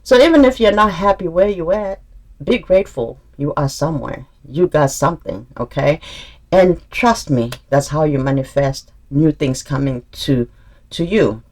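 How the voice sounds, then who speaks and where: At a moderate pace and in a slightly high voice, a man reads tarot cards intuitively for his audience, addressing listeners as "honey." His spiritual guidance is sincere and supportive, though he frequently circles back and starts sentences over.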